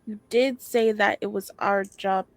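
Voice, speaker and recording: A woman player in a casual tabletop game, talking in an animated, excitable way. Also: mid-range voice, a little slow, no echo. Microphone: headphones with mic.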